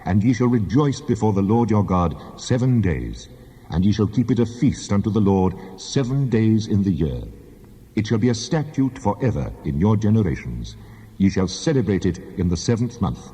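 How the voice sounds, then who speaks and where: An actor playing God as a solemn, commanding deity, proclaiming laws in formal archaic language in a dramatized scripture reading. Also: male voice, lowish voice, expressive, normal speed, dark tone, husky. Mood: solemn, instructing. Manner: solemn, authoritative, declamatory. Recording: long cavernous reverb on the voice.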